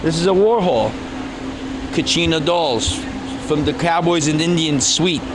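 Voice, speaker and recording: A man's voice: fairly high pitch, unhurried, noisy background. A man being interviewed casually at an art fair, blunt and joking, often repeating his phrases.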